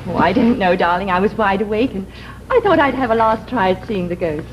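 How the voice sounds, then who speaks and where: On a muffled, slightly noisy 1950s television soundtrack, an actress plays a flippant young woman. She speaks in an airy, mocking way, her pitch moving freely, in period drama style. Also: lively intonation, fairly quick, natural voice. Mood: airy, evasive. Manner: airy, arch, theatrical.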